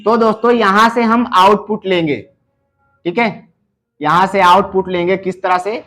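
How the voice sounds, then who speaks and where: A man walks through a circuit repair lesson in a fairly high voice. He talks in a patient, step-by-step tutorial manner, filling pauses with short check-ins to the viewer. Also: pushed and bright. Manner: explains slowly, filling gaps with "theek hai" and "doston". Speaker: electronics repair teacher.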